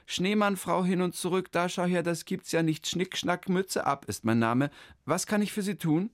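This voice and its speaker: Guy putting on a high squeaky office lady, fast bureaucratic chatter, dry sound. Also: no echo, close to an everyday voice. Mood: officious. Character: shrill fussy female office clerk.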